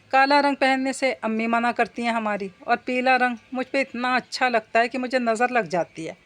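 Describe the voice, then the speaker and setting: A woman's voice: fairly high pitch, fairly bright tone, lightly acted. A woman reading the part of a chatty young bride who is picky about her clothes.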